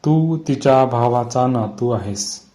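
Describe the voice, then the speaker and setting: A man voicing a grave, haunted old village man who speaks slowly in a lowered voice. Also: mellow, natural voice.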